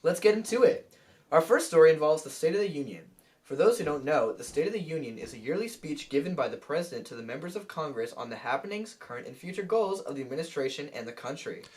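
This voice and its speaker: A young man reads scripted news in a slightly high voice. His tone is wry, and he slips light jokes into the copy. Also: expressive, quick pace, a little mellow. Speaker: student news anchor.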